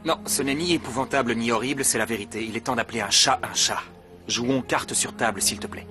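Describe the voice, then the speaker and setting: A man's voice: mid-range voice, brisk, music in the background, lightly acted. An actor dubbing a torn young man in a French telenovela dub, pleading and hurt. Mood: grave.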